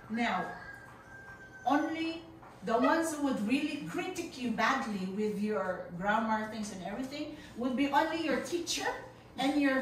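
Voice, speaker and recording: A woman teacher giving encouraging spoken feedback on presentations, often checking in with her listeners. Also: on the high side. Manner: encouraging, repeats "okay" as a check. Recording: echoey noisy room, distant mic.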